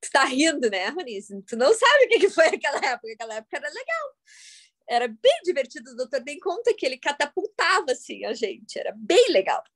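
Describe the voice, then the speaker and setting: A woman, giving a live workshop talk to an audience, telling stories in a jokey, animated way with sudden loud, high bursts. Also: a little fast. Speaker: workshop facilitator.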